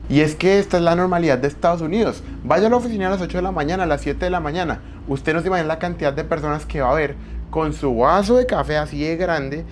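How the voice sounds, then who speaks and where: A man's voice: a little high, slight background noise. A young man hosts an explainer video, talking emphatically and addressing the viewer directly and formally. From Colombia. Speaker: YouTube host. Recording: faint background music.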